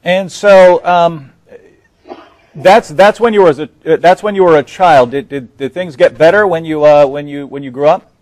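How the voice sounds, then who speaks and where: An earnest man in his thirties hosts a live talk show from a TV studio, pausing on fillers and restarting his sentences. His voice sits a touch high for a man. The sound is close and dry. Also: darkish tone, no room sound. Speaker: host.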